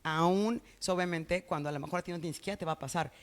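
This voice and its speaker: Brisk man, talk-show guest, fast and fairly high-pitched. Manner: fast, animated and explanatory. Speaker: guest expert. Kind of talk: conversational explanation.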